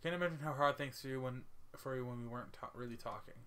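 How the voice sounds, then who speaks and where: A man reading a visual novel aloud for a let's play, quiet and even. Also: mid-range voice, quick pace, a little hiss or hum.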